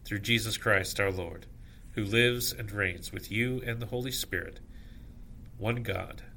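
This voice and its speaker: A man officiating at evening prayer, reciting scripture and liturgy in measured, solemn short phrases. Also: fairly low pitch, pushed and bright, slight background noise.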